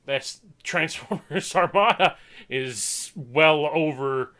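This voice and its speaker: A young man talks through his opinions off the cuff in a clear, smooth voice that sits a little high. He is earnest and exasperated, and his delivery is halting, with repeated words and stammered restarts. The pace is slow and deliberate. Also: bright, forceful tone. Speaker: online animator and creator. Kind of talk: unscripted opinion vlog.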